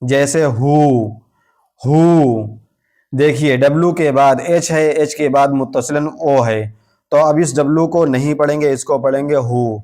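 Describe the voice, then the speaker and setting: A man teaching English pronunciation rules in a slow, methodical classroom style, saying each example word twice before explaining it. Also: mid-range voice, darkish tone. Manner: uses Urdu-flavored terms for rules and letters.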